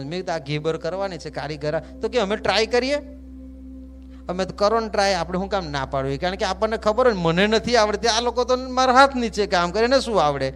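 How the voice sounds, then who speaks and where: A high-pitched man tells a devotional story as a monk. He keeps it humorous and lively and voices the other people in the tale himself. Soft music plays quietly underneath. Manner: humorous, lively anecdote with quoted dialogue.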